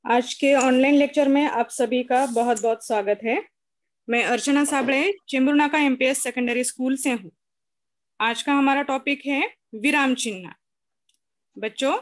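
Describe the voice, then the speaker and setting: A woman teacher from India gives an online lesson, going over each point more than once so pupils can follow. Her voice sits fairly high and she speaks at an unhurried, deliberate pace. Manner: slow, explanatory, repeats each point. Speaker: school teacher. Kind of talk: online lecture.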